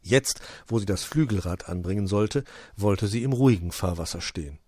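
A man reading a children's story aloud with an expressive storytelling cadence. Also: fairly low pitch, normal speed, breathy edge, dry recording, studio quality. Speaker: narrator.

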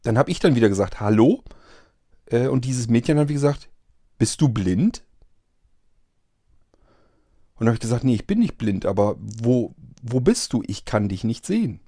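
A man recounts an odd experience in a loose, rambling way, stopping and restarting often. His voice is mellow and mid-pitched. The sound is dry and close. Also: lively intonation, fast, hardly any pauses, no room sound. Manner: rambling, hesitant, many fillers and restarts. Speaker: vlogger telling of a strange event. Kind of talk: casual spoken account.

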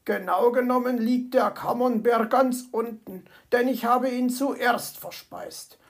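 Storybook fox, male, greedy and sorry for himself, slow rasping voice, read by a woman. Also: a little high, pitched above the performer's own voice. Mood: sheepish. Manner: sheepish, whiny. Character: greedy sheepish male fox with a stomach ache.

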